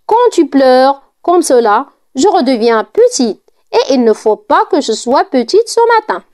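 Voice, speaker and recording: A woman reading aloud in the part of a young princess, answering quietly and gently. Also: sits high, sing-song, unhurried. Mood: tender. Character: young princess, calm and stubborn.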